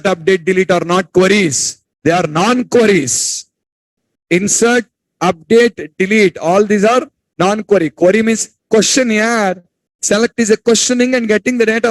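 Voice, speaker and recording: A man teaching a class, repeating points, quizzing students and scolding them to speak louder. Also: sits high, no room sound, rough recording. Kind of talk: classroom lecture.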